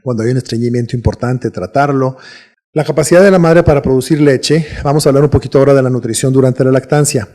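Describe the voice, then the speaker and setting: A man with a Mexican Spanish accent delivers a recorded medical lecture at a steady, explanatory pace. His voice sits at a middling pitch with a mellow, dark tone. He often stumbles, repeats words and restarts his sentences. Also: quick pace.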